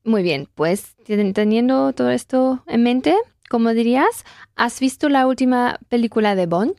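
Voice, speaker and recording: A woman's voice: on the high side, animated, normal speed, vocal fry, darkish tone, dry recording, clean studio sound. A woman teaching German in Spanish, patiently repeating phrases and correcting her student. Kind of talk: language lesson in Spanish.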